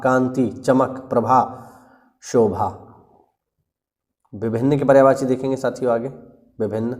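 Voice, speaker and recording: A male teacher giving an exam-prep lesson, working slowly through lists of words and often clearing his throat. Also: mid-range voice, a little mellow. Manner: slow, deliberate listing with frequent "ठीक है" check-ins.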